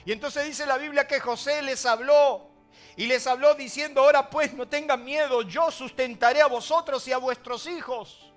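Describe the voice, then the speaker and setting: High-voiced Rioplatense pastor preaching. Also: male voice, steady tone, normal speed, faint music behind. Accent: Rioplatense Spanish. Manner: preaching with sweeping swings between loud emphasis and hushed asides. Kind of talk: sermon.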